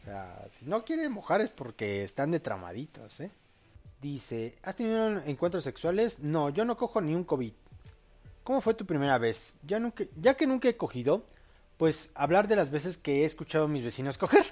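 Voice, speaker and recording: A man's voice: a little high, big pitch swings, normal speed, darkish tone. A young man hosting a casual late-night live show, reading audience posts aloud in a crude, joking way and laughing often.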